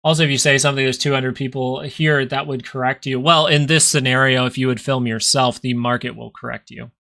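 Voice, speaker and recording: Hosting a stock market livestream, a young man thinks aloud while commenting on the market and talking with viewers, rambling casually and restarting often. His nasal, mid-range voice is steady yet gravelly, bright and forceful, at a slightly fast pace.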